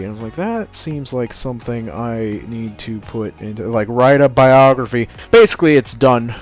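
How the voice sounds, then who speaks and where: Higher-voiced man rambling over music. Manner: rambling, self-correcting, breaking off mid-sentence. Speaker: vlogger. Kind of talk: casual rambling solo vlog.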